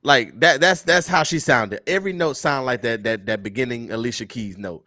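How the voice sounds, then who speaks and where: A man hosting a casual comedy podcast, telling stories with laughs and animated energy. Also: medium pitch, fairly quick, no room sound, clean studio sound. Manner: animated storyteller, laughs often, loud mock-preacher bursts. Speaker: podcast host.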